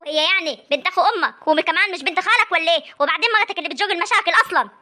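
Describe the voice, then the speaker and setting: A woman's voice: very high voice, pushed and bright. A woman with an Egyptian accent playing an older village mother in a comic family drama, scolding and trying to make peace. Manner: chiding, soothing, fast talk. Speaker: mother and aunt in a family feud.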